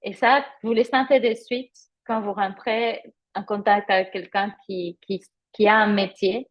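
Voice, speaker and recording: A woman with a steady, mid-range voice and a Spanish accent, a native Spanish speaker, teaches conversationally as a yoga teacher trainer in a live webinar. She offers personal examples and pauses to find her words, and the audio is lo-fi.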